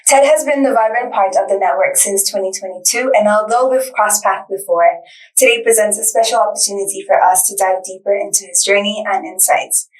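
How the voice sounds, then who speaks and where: A woman's voice: medium pitch, brisk. A young woman hosting an interview podcast, giving friendly scripted introductions. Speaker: podcast host. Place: bright studio set. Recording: roomy sound from a distant mic.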